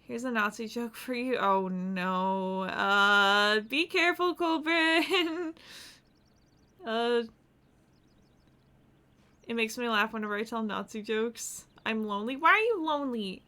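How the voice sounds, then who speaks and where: A woman's voice: mid-range voice, slow, pauses often, sharp tone, clean tone. A woman from the United States chatting casually and profanely on a game stream, laughing often. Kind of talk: casual live-stream chat.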